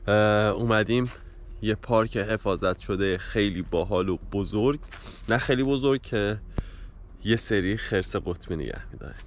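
A man in his thirties giving casual travel vlog commentary into a handheld camera while showing places around him. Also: lowish voice. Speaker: travel vlogger. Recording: dull sound with ambient noise.

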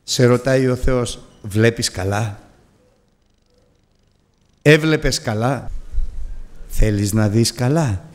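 A man preaching a Sunday sermon to his congregation, moving from hushed, low pleading to high, loud cries. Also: long pauses.

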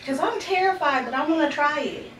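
A woman in a couple's prank vlog, nervous and teasing in quick back-and-forth talk. Her voice sits high and moves lively. She sounds distant in an echoey room, with loud music playing underneath. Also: background noise. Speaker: vlog co-host.

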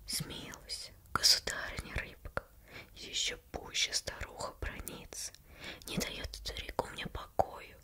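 A woman's voice: measured pace, close to an everyday voice. Storybook old fisherman, played by a woman: meek, weary, deferential husband, whispered role-play. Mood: pleading. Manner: pleading, deferential.

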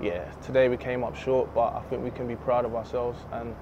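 A young footballer speaks into a handheld mic in the stands of an empty outdoor stadium. He talks in a relaxed, candid way at a medium pitch. The audio is a little dull and carries a faint hiss of outdoor noise. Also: fairly quick. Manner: relaxed, candid, laughs easily. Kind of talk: post-match interview. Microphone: handheld reporter mic.

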